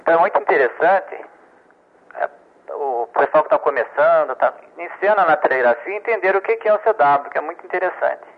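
A man's voice: a little high, animated, brisk. A man explaining telegraphy basics in a patient, repetitive lesson, often stammering and checking with "ok?". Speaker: telegraphy instructor. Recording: tinny radio transmission.

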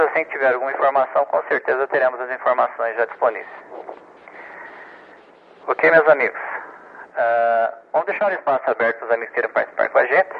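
Give me a man hosting a ham radio net, heard over a two-way radio, chatty with halting repeats. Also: mid-range voice, creaky, slight background noise. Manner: chatty, halting repeats, frequent "ok?" check-ins. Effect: heard over a two-way radio transmission. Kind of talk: casual on-air announcements. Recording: tinny narrowband radio transmission.

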